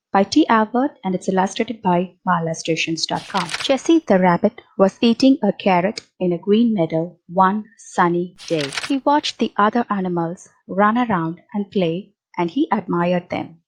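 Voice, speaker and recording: A woman reading a children's picture book aloud, with slow, expressive storytelling. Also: mid-range voice, low-quality recording.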